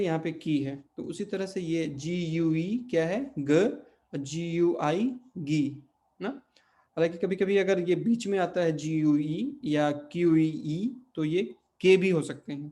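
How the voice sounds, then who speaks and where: A man's voice: on the high side, dark tone. A man teaching a language class, explaining step by step and often checking in with his students. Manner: slow, explains step by step, many fillers and check questions. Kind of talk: online language lesson.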